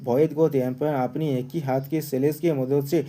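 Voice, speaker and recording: Chatty manga recap man, dark mellow voice. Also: mid-range voice, steady tone, moderate pace. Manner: chatty, addresses viewers as friends. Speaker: manga explainer. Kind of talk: casual recap narration.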